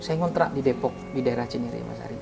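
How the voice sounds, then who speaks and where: A man's voice: fast, gravelly, music in the background. Earnest man telling an emotional story. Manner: earnest storyteller, voice rising high when recalling prayers. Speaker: ustadz guest. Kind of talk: emotional personal story in an interview.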